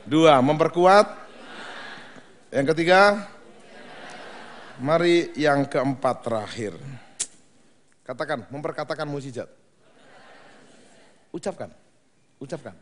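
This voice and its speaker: A man preaching a lively sermon, teasing the congregation and swinging up to shouts and back. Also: fairly high pitch, a little hiss or hum. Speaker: pastor. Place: large church hall.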